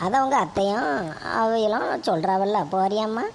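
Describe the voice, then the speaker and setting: A woman's voice: mid-range voice, normal speed, slight background noise. A woman voicing a bossy older mother-in-law in a cartoon, commanding. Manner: commanding, dialect-heavy.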